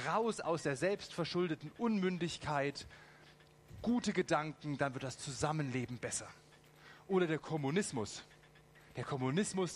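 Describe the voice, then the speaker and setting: A man preaching a lively sermon, asking the congregation direct questions and adding ironic asides. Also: a little high, slight background noise.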